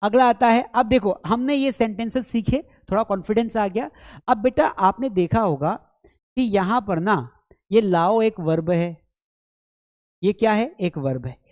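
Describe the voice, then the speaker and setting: A man's voice: high-pitched, a little slow, a little mellow. A man with an Indian accent, a Hindi speaker, giving a chatty, teasing online English lesson, his voice strained from an hour of talking. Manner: chatty, teasing, addresses students as beta. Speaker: spoken English teacher. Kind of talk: live online lesson, playful lecturing.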